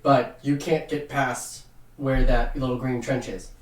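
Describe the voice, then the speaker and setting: A man narrating a tabletop game casually as game master, often halting as he searches for words. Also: mid-range voice, little pitch movement. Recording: roomy, distant from the mic.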